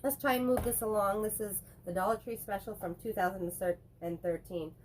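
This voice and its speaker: Fighting a head cold, a female co-host with a medium-pitched, stuffy, congested voice reviews movies in a relaxed chat. She's chatty and rambling, cracks jokes readily, and never stays on one point for long, while a faint hum sits behind her.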